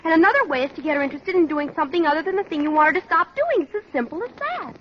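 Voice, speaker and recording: An actress playing a bossy, scheming teenage daughter with insistent, precocious delivery in a 1940s radio sitcom. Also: female voice, extremely high pitch, animated, rapid-fire. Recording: muffled old radio broadcast, faint hiss.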